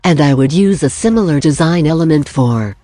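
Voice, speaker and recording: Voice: medium pitch, animated, fairly quick, over music. Dry scripted art-video narrator. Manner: dry, self-deprecating humor.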